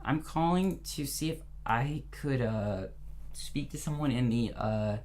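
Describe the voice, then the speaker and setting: A man in his twenties speaking hesitantly as a caller, with frequent ums and pauses. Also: medium pitch, darkish tone. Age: 20s. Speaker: caller booking an appointment. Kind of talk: hesitant phone conversation. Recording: noisy hum on phone call.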